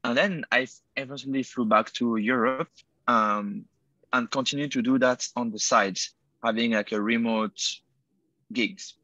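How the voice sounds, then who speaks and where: Speaking from an indoor room by a window, a Swiss man in his 20s with a French accent, a guest entrepreneur, takes interview questions over a video call through earbuds and sounds hesitant, full of fillers and self-corrections. His medium-pitched voice is fairly even, measured, pushed, and bright. The recording is dry, with the highs cut off.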